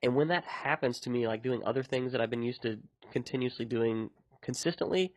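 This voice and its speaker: A man's voice: mid-range voice, fairly quick, no room sound, low-quality recording. Man chatting casually, dry close recording. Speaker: podcast host and indie game developer. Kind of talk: casual podcast chat.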